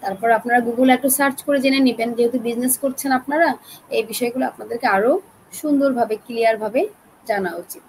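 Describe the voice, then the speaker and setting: A woman with a Bangladeshi accent teaching an online class, chatty and coaxing, keeping her voice soft to spare her throat. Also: a little high, steady tone, brisk, a little hiss or hum, low-quality recording. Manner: chatty, coaxing, talks straight to learners.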